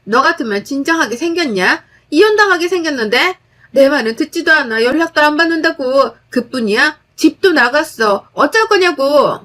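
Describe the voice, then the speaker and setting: A hysterical young sister-in-law, acted by a woman narrator, hurls accusations in a high, strained voice. She sounds frantic and spoiled. Heard in a dramatized story. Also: expressive, normal speed, fairly bright tone. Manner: shrieking, accusing.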